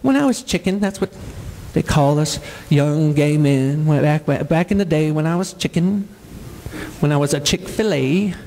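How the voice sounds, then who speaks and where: A man in his forties doing live stand-up comedy before an audience, playful with drawn-out punchlines. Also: fairly high pitch, expressive, in a large hall, noisy background. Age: 40s. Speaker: comedian and singer.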